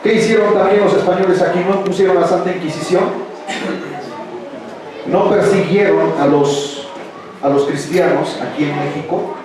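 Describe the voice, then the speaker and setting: His voice sits high and his tone stays steady as this Mexican pastor, speaking at normal speed with long pauses and a Mexican Spanish accent, fires rhetorical questions at his congregation during a sermon. The setting is a large church hall, recorded with a distant mic amid echo and a crowd in the background.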